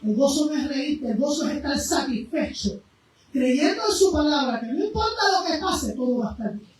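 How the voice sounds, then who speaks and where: A woman preacher delivering an impassioned sermon, moving between loud, fervent cries and quiet, low passages, recorded from a distance in a church. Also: lively intonation, moderate pace. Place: church sanctuary. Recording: very echoey room, voice from afar, faint noise.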